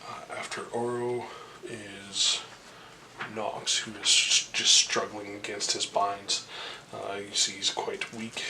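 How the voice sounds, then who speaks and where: A man running a tabletop game as game master, relaxed and encouraging, quick to laugh. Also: lowish voice. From Canada. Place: convention room. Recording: echoey room with noise.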